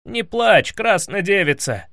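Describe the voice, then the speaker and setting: A man's voice: high-pitched, moderate pace, a bit bright, no room sound, studio quality, pitched above the performer's own voice. A man voicing a bumbling, boastful young male suitor who talks in a folksy old-fashioned way. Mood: eager.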